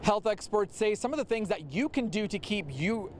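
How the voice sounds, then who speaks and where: A young man delivers a scripted TV news report in a high voice. He speaks into a handheld mic outdoors, with clear traffic and vehicle noise around him. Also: lively intonation, moderate pace. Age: young adult. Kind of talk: scripted stand-up report delivery, between takes. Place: outdoors in an open parking lot. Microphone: handheld reporter microphone.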